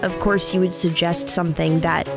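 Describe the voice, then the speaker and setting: Creaky young woman. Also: on the low side, little pitch movement, moderate pace, over music. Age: young adult. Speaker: reaction show co-host. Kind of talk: casual commentary. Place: small studio with foam panels. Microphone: close boom podcast mic.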